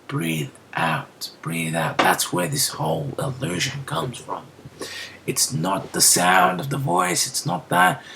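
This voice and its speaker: A beatbox tutor casually explaining a technique step by step, often checking in with "right?" and dropping into soft whispered asides. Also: medium pitch, gravelly, slight background noise.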